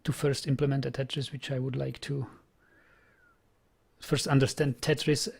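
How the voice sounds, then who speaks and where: On his programming stream, a young man from the Czech Republic talks in a relaxed way, his Czech accent clear and his words often repeated as he works through his thoughts. The delivery is flat at a normal speed, the pitch medium, with vocal fry and a slightly rough texture.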